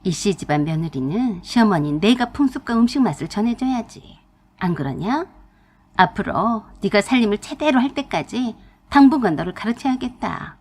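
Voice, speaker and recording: In a storytelling narration, a woman with a voice on the high side plays a domineering elderly mother-in-law who scolds her daughter-in-law and talks down to her.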